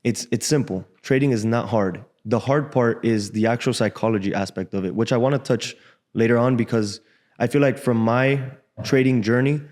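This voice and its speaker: A man in his twenties, born in Cuba and raised in Miami, tells his own story as a podcast guest. He talks in a relaxed, frank way with casual slang. He is recorded close on a studio boom mic. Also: normal speed. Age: 20s. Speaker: guest trader. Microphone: desk boom mic.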